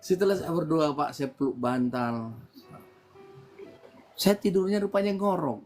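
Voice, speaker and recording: Brief: middle-aged man, Medan accent, lively storyteller giving testimony, faint music under him. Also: on the high side, takes it slowly. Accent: Medan Indonesian. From Medan, Indonesia. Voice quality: animated storyteller, voice jumps up when excited. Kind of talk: casual testimony interview.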